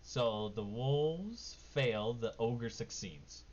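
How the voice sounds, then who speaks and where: A man's voice: medium pitch, animated, very slow, darkish tone. A man narrating as game master of a tabletop game, in a casual, informal way. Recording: dull lo-fi mic, background noise.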